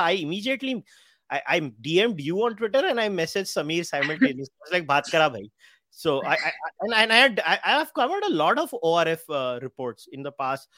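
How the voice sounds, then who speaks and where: A man's voice: a little high, bright, forceful tone, no echo. A man hosting a podcast, talking conversationally and emphatically, candidly slipping between English and Hindi. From India. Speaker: podcast host. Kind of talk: conversational interview talk.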